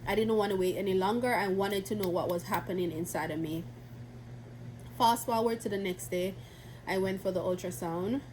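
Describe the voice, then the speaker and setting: Speaking at a moderate pace in a slightly mellow, mid-range voice, a young adult woman vlogs with a stuffy nose from a cold. She rambles casually to the camera, using lots of fillers and starting over often, with slight background noise present.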